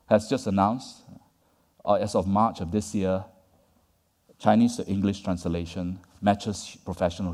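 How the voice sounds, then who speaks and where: A man with a fairly low, warm voice delivers a conference lecture in a large hall, chatting with the audience and tagging his points with "right?" and "yeah?". The recording carries the long reverb of the big space.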